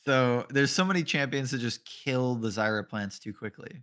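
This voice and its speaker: A man's voice: medium pitch, moderate pace, a bit bright. A man giving casual live commentary on an esports draft as a color caster. He jokes, laughs often and swears offhandedly.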